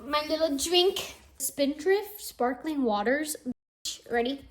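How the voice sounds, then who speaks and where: A woman's voice: high voice, expressive, slow pace. A young woman filming a reading vlog, reacting dramatically to a book with gasps and swearing, recorded on wireless earbuds. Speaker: book vlogger.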